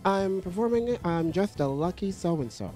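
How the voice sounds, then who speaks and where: A male singer chatting in an interview in a halting, earnest way. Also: sits high, expressive, dark tone. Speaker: award-winning singer. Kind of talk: casual interview chat. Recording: faint music behind the interview.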